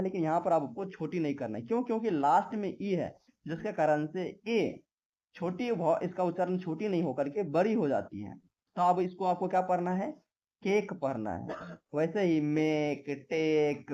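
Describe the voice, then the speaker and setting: A man teaching a video lesson, asking himself questions and answering them, then slowly drilling lists of words. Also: a little high, mellow, dull audio. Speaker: English teacher. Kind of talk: classroom-style video lesson.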